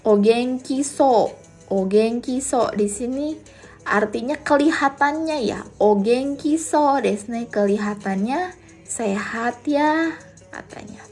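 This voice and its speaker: A woman teaching Japanese on a live stream, chatting casually with viewers as she explains each answer slowly. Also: a little high, expressive, darkish tone, breathy edge, faint music behind.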